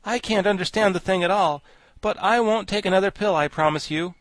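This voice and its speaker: A man voicing a plucky, excitable young boy in a storybook, quick to exclaim and sulk. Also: high-pitched, dry recording, pitched above the performer's own voice, close to an everyday voice. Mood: sulky, indignant. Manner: exclamatory, petulant. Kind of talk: storybook character voice.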